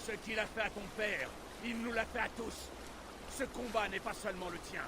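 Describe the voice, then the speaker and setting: Stern viking man actor, high pitch, noisy background. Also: moderate pace, close to an everyday voice. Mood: warning. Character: grim Viking man warning a comrade.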